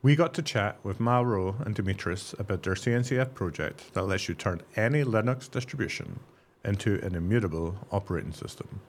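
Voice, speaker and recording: A man with a fairly low voice co-hosts a tech podcast. He talks with wry, sarcastic humor, first through a scripted intro and then in easygoing interview questions. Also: fairly quick, a little hiss or hum. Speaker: podcast co-host.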